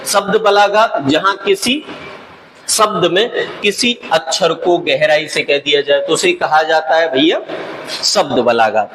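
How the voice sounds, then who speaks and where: A man's voice: high-pitched, a bit bright, a little hiss or hum, low-quality recording. A man teaching a grammar lesson for exam preparation, patiently explaining, repeating key terms and often checking whether students have understood.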